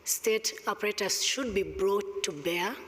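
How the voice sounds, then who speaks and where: Her voice mid-range and fairly bright, a middle-aged panelist with a Rwandan accent makes deliberate, emphatic points and pointed rhetorical questions. She is on stage in a large indoor conference hall, using a gooseneck table microphone, and the recording sounds reverberant.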